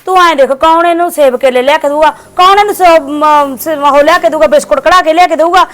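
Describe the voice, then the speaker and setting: A woman playing a quarrelsome daughter-in-law who refuses to keep the fast, with a Punjabi accent. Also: high-pitched, a bit bright. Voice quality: argumentative. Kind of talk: village family skit acting.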